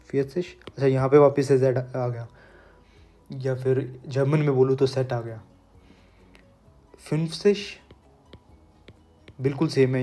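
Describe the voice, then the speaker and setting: Patient man teaching pronunciation, flat voice. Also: mid-range voice. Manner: patient, repeats words slowly for pronunciation. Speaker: German language teacher. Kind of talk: explaining lesson while writing on a board.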